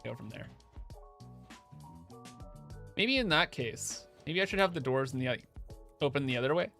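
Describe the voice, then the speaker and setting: A man's voice: mid-range voice, expressive, normal speed, gravelly, sharp tone, soft background music. A young man livestreaming over a headset mic, thinking aloud in a casual, chatty way while he builds in a game.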